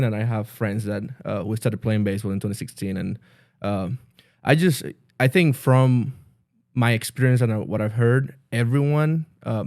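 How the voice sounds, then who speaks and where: A man's voice: fairly low pitch, darkish tone, no room sound. Pastor guy from the dominican republic, earnest, keeps restarting sentences, dry sound. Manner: earnest, halting, many restarts. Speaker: pastor, guest. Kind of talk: casual interview.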